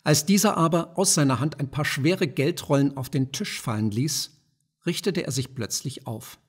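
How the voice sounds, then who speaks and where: Husky male audiobook narrator. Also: on the high side, moderate pace. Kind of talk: scripted narration of a classic novella.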